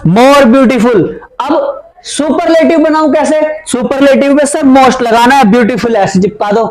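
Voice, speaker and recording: Man, Hindi accent, teacher, very high pitch, playful, teasing, chatty board lesson. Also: normal speed, a crowd in the background, low-quality recording.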